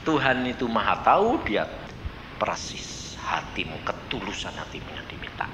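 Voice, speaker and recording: A man with a Javanese accent preaching a sermon, telling stories and swinging between soft and loud. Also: lowish voice, sing-song, moderate pace. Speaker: pastor. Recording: echoey hall with faint noise.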